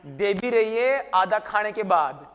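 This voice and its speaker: A man teaching a classroom lesson, his voice pitched fairly high. He teases his students and keeps asking questions before answering them himself. The room gives his voice a long, ringing reverb. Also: expressive, unhurried, fairly bright tone. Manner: teasing, talks to students by name. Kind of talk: classroom history lecture.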